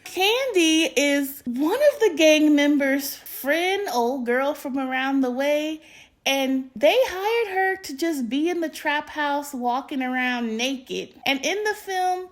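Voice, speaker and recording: A woman's voice: sits high, lively intonation, slow. A woman co-hosting a casual movie review, giving emphatic, opinionated takes.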